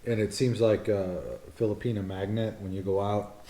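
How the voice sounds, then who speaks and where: An American man in his fifties co-hosts a casual vlog, rambling, teasing and correcting himself with frequent restarts. His voice is on the low side and dark, level in tone, at a moderate pace, with a reverberant sound.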